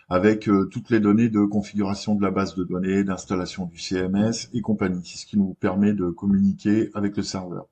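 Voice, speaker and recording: A man hosting a screen-recorded web tutorial, talking in a relaxed way with many hesitations and restarts. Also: lowish voice, breathy edge.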